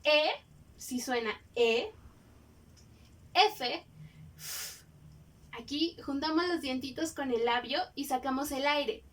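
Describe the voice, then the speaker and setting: A woman teaches letter sounds to young children. She speaks slowly and draws out each sound with care, in a high voice. Her voice comes from a little way off the microphone. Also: a bit bright, far from the mic. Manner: slow, clearly drawn-out letter sounds. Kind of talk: phonics lesson for young children.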